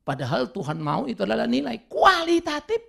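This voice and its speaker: A male pastor preaching a sermon in an animated way. He slips English words into his talk and acts out the people he quotes. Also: extremely high pitch, a little fast, vocal fry, husky.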